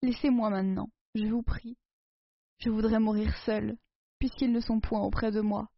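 A woman reading a story aloud and voicing a dying old mother who laments and pleads with deep grief. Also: little pitch movement, normal speed, gravelly, dry recording. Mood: pleading. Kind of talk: audiobook dialogue reading. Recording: dull, dry recording.

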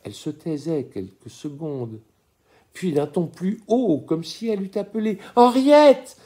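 Slow, dark-voiced male narrator. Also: fairly high pitch. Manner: slow, measured, expressive reading. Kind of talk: audiobook reading of a classic story.

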